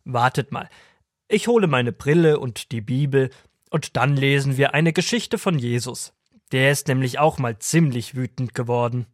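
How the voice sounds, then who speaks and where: A man playing a kind, patient old grandfather who tells children stories, gently teasing. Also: mid-range voice, normal speed, dry recording, studio quality, close to an everyday voice. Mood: gentle. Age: older. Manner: warm, gently teasing storyteller. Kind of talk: children's audio drama.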